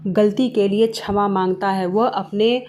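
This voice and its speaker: A woman's voice: medium pitch, steady tone, measured pace, darkish tone. A woman narrating a family moral story in a plain, simple storytelling way.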